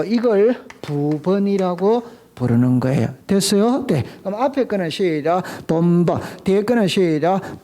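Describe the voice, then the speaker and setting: A man's voice: sits high, mellow. A man teaching a real estate exam class, quizzing students with call-and-response and repeating key terms. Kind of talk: classroom lecture.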